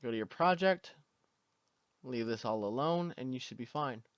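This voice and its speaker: A man with hiccups talks a viewer through a gaming tutorial, one step at a time, with an easy, unhurried manner and casual fillers. His voice is smooth and clear, and the recording is dry and close. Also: mid-range voice, no room sound. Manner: relaxed step-by-step instructions with fillers. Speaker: tutorial host.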